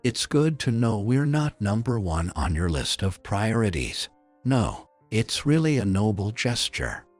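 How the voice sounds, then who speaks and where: A man playing a sarcastic business manager who speaks with mock gentleness in a storybook narration. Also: medium pitch, expressive, moderate pace, few pauses, faint music behind, lightly acted. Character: sarcastic male business manager, coldly polite.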